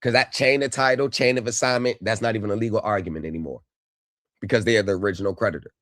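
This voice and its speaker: A man's voice: lowish voice, fast talker, a bit bright, dry recording. Man on dry livestream headset audio. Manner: chatty, addresses viewers directly. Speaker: livestream host reviewing court videos. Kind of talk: casual live commentary to chat.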